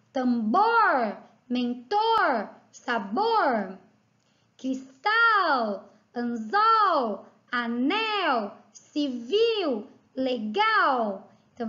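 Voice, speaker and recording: Slow, high-voiced Brazilian teacher. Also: female voice, a bit bright. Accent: Brazilian Portuguese. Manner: patient, slow and clearly spelled out for children. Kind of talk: children's grammar lesson. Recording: slightly dull lo-fi audio.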